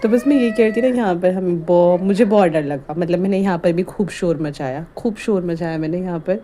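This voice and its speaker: A woman narrating her home vlog as a chatty voice-over, rambling and animated, often breaking into laughs. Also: fairly low pitch, a little fast, a little hiss or hum. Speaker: home vlogger. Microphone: voice-over recorded while editing.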